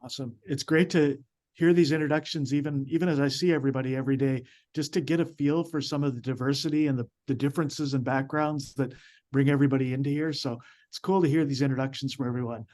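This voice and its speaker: A man's voice: mid-range voice, fairly even intonation, fast talker, darkish tone. A man from the program staff moderating a student panel in an upbeat, encouraging way.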